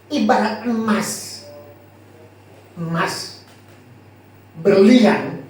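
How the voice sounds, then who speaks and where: A male pastor preaching a sermon to a congregation, lively and jokey, often asking them questions. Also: sits high, drawn-out words. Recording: echoey hall from far off, faint noise.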